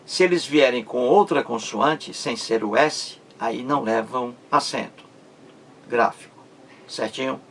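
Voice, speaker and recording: Slow, gravelly-voiced male teacher. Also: mid-range voice, slight background noise. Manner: slow, stretches out words syllable by syllable, asks rhetorical check-ins. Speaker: Portuguese grammar teacher. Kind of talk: explanatory video lesson.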